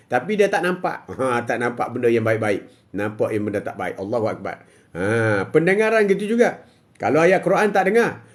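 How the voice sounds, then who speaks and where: Older Malaysian-accented male host, livestream religious talk, emphatic and repetitive, voice a little high. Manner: repetitive and emphatic, with frequent drawn-out "ha" interjections. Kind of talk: religious talk on a live stream, answering viewer comments.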